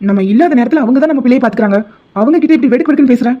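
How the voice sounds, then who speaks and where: A woman's voice: high voice, racing. Woman voicing a stern cartoon father. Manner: stern, lecturing. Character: firm but fond middle-aged father. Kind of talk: Tamil cartoon dub. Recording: dull lo-fi sound.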